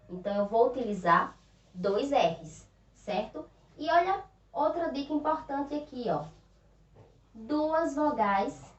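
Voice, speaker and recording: A Brazilian woman teaching young schoolchildren, speaking slowly and patiently with a Northeastern Brazilian accent and stretching out words and sounds. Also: mid-range voice, a little mellow. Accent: Northeastern Brazilian Portuguese. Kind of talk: recorded remote lesson for young children. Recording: roomy, distant, dull lo-fi sound.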